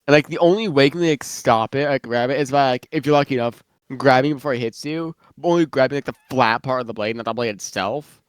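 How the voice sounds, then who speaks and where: A guest worldbuilder rambles through a casual chat about fictional lore, full of fillers and restarts, sounding slightly muffled because he's eating. His mid-range male voice moves fast with a clean tone, captured in a dry, close recording.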